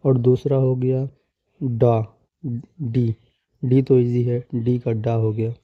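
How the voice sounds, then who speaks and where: A man's voice: mid-range voice, flat delivery, slow, no room sound, narrow, tinny audio. A man teaching English letter sounds in Hindi, patient and repeating each sound several times. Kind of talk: slow, explanatory Hindi lesson.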